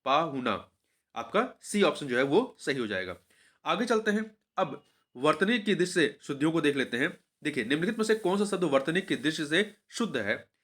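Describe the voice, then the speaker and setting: A man with a fairly high voice teaches in a steady exam-prep walkthrough. He goes through each answer, says it twice, and keeps putting questions back to the listener. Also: moderate pace. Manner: repeats each answer, quizzing the viewer.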